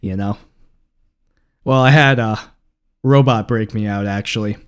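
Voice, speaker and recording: A man's voice: fairly low pitch, measured pace, slight background noise. A man hosting a solo podcast, talking casually and rambling with many fillers. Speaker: podcast host.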